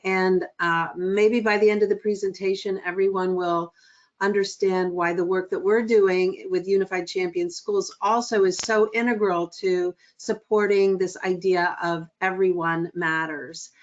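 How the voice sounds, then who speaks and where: A middle-aged woman speaking as a webinar guest, earnest and measured, with frequent ums. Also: medium pitch, steady tone. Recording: muffled lo-fi webinar audio.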